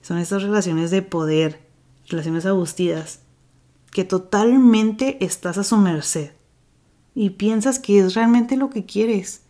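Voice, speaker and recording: A woman's voice: mid-range voice, slow pace, mellow. A woman with a Mexican accent hosting a casual solo podcast, talking in a slangy, chatty way and acting out bits of dialogue. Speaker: podcast host.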